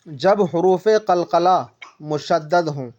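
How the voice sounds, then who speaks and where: A woman's voice: on the low side, darkish tone, a little hiss or hum. A woman teaching a one-on-one Quran reading lesson, explaining patiently, repeating points, quizzing her pupil and stretching syllables out to demonstrate. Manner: patient, repetitive explaining with questions. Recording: dull lo-fi recording.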